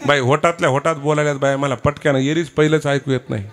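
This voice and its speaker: A man's voice: fairly high pitch, steady tone, fast talker. A man with a Marathwada accent preaching a devotional kirtan sermon, questioning and teasing the listeners as he prods the women to answer aloud. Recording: live event with instrument music behind. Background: musical instruments.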